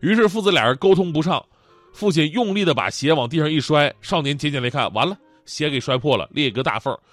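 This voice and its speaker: Animated joking man telling a story. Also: on the high side, fast talker, no echo, faint music behind. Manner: animated, joking, laughing often. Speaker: host. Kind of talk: comedic storytelling.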